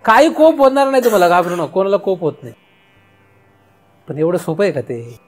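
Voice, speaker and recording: A man's voice: high voice, lively intonation, a little fast. A man with a Marathi accent giving a spiritual discourse, asking rhetorical questions and answering them himself. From India. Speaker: spiritual teacher. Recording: faint music in background.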